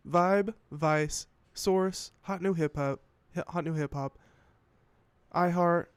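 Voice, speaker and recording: A man's voice: on the high side, slow, smooth, dry recording. Rambling, swearing man hosting a commentary show. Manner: rambling, profane, self-interrupting; reads headlines aloud and reacts. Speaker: podcast host.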